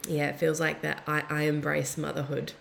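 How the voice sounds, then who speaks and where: A young woman guest talking in a heartfelt, soft-spoken way, often trailing off and restarting mid-thought. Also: low-pitched, vocal fry, a little hiss or hum. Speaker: podcast guest. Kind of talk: reflective casual conversation.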